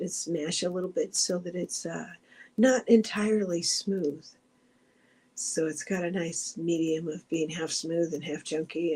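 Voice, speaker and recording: A middle-aged woman hosts a meditation group livestream, chatting casually, reading viewer comments aloud, and wandering between thoughts with frequent restarts and soft asides. Her voice is fairly low and slightly rough.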